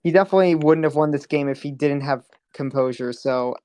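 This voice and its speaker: A man analyzing a card game match, hesitant, with many pauses and fillers. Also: fairly high pitch, darkish tone, dry recording.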